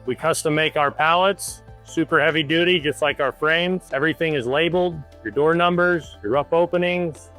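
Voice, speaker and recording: A man's voice: a little high, moderate pace, hardly any pauses, bright, forceful tone, soft background music. A man giving an informal guided tour as shop foreman in a warehouse workshop, explaining things in a plain-spoken way.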